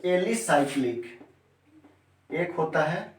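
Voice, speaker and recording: Slowly and expressively, a high-ish male voice leads a chemistry class, repeating core terms and asking students question after question. There's slight background noise, plenty of room echo, and a far-off mic.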